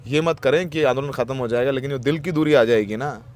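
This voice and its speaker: A man's voice: mid-range voice, fast, a little mellow, slight background noise. A man, a ground reporter, closing his piece to camera in an earnest, reflective and emotionally moved way. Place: outdoors at a protest site.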